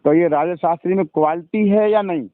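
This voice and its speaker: A man with a high-pitched voice talks a little fast in an informal phone conversation, captured as a narrow-band phone call recording with a little hiss or hum. He is a religious storyteller who explains things didactically and keeps asking the listener to agree.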